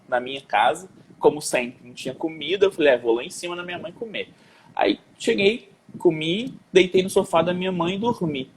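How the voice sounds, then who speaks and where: Guy on a video call telling his testimony casually, voice on the high side, acts out the dialogue, slangy, faint hiss behind him. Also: poor audio. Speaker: guest sharing a faith testimony. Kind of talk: casual personal storytelling.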